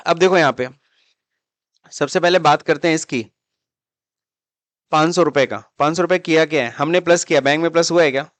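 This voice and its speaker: A man's voice: on the high side, fairly quick, pauses often, fairly bright tone, no echo. A man teaching accounting in a classroom-style lecture, mixing Hindi with English terms and repeatedly asking students questions as he explains. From India.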